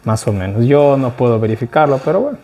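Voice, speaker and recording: A middle-aged man teaching an informal Bible study, talking with his group, asking them questions and slowing down to stress key words. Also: medium pitch, lively intonation, mellow, muffled recording. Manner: conversational, asks the group questions, tag "¿ya?".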